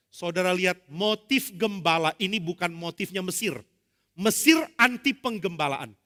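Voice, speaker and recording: A male pastor preaching a lively sermon, acting out dialogue with humor. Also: high voice. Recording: long hall reverb.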